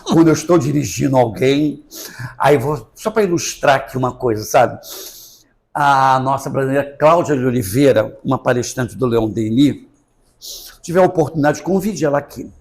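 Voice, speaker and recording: A man's voice: medium pitch, moderate pace, creaky. A middle-aged Brazilian man giving a spiritist talk in a Brazilian Portuguese accent, acting out dialogue as he tells stories. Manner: animated storytelling, acting out dialogue. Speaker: spiritist lecturer. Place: spiritist center hall.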